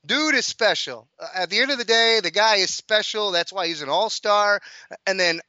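Bright, crisp male sports radio host. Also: high-pitched, moderate pace, no echo, dull audio. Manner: emphatic, slangy. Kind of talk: casual sports talk radio.

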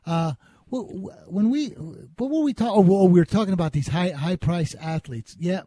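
A man hosts casual sports betting talk. His voice is fairly high yet soft-edged and mellow. The sound is very dry, with faint music. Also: moderate pace, dry recording.

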